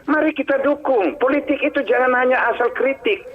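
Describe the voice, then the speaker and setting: A man's voice: very high voice, fairly quick. A man phoning a talk show to give an emphatic, exhorting opinion off the cuff. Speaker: phone-in caller. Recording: muffled phone call to broadcast.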